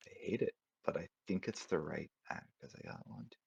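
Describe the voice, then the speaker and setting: Low gravelly man thinking aloud mid-match. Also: big pitch swings, fairly quick, a little mellow, dry recording, whispered, muffled recording. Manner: apologetic, self-deprecating, hesitant with many fillers. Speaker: board game tournament player.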